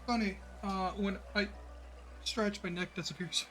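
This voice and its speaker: Bright-voiced chatty male streamer. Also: high-pitched, fairly even intonation, a little slow, soft background music. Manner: rambling and chatty, with many fillers. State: out of breath. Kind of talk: casual live-stream chat.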